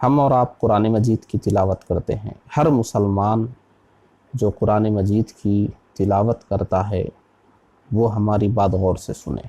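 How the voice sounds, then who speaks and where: Low, mellow-voiced man teaching scripture. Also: steady tone. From India. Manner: slow, deliberate teaching, spelling out letters one by one. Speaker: Islamic scholar teaching Quran commentary. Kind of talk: religious lesson on Quran recitation.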